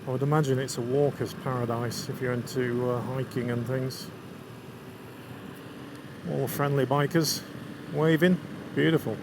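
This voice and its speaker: A man's voice: medium pitch, steady tone, unhurried, pauses often. A man with a Lancashire accent gives casual, chatty commentary to viewers as a motorcycle vlogger, enthusiastic and riding outdoors. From England. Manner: chatty, enthusiastic about scenery and bike. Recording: constant road, wind and vehicle noise.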